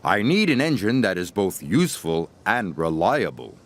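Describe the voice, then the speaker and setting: A man voicing a stern male railway boss in a formal, measured way. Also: low-pitched, very animated, full character voice. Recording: music playing behind.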